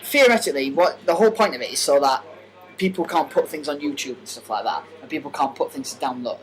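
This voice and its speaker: A man's voice: on the high side, quick pace. A man co-hosting a casual podcast, rambling and laughing through his points with plenty of fillers. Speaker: podcast co-host. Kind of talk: casual chat. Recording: noisy amateur podcast recording.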